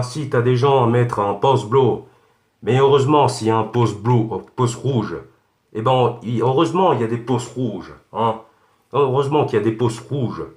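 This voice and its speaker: Brief: man doing a rambling, insulting Darth Vader who keeps tripping over his words, mid-pitched voice, echoey room. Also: close to an everyday voice. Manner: rambling insulting rant, stumbling with fillers. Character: ranting Darth Vader parody, menacing protective father. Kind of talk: clash video rant.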